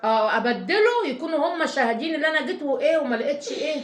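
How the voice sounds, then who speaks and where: Fast-talking Egyptian mother vlogging. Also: high-pitched, animated. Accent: Egyptian Arabic. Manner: rambling, emphatic, swears oaths, addresses viewers fondly. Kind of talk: casual chatty storytelling to viewers. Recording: echoey room, faint background noise.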